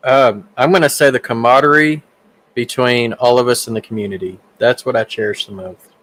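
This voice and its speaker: A man's voice: mid-range voice, steady tone, brisk, fairly bright tone, poor audio. A man from central Arkansas with a Southern accent, chatting easily as co-host of a livestream and adding details as he goes. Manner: easygoing, adds details as he goes. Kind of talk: casual livestream chat.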